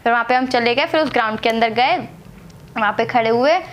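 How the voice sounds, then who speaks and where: A bit of hiss or hum sits under a young woman from Agra, India, as she recounts her marriage to camera. Her voice is on the high side and slightly fast, and the vlog is chatty, repetitive, and full of fillers.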